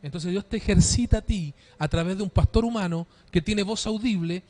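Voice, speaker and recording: This church sermon comes from a man with a high, somewhat dark voice who moves at a fairly quick clip. As pastor, he preaches dynamically to the congregation, throwing out rhetorical questions and asking for amens.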